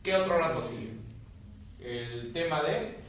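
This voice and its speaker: A man, a friar, teaching a theology class, reading scripture aloud and explaining it in a lively, conversational way while he questions his students. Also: a little high, measured pace. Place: lecture room. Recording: very echoey room, far from mic, faint hiss.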